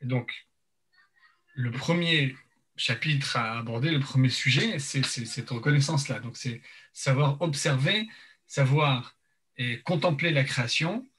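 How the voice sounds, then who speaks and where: Halting male teacher, mouth numb from the dentist. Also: mid-range voice, fairly bright tone. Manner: hesitant, repeats and searches for words. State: mouth partly numb from dental anaesthetic. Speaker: religious teacher. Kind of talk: informal religious text lesson.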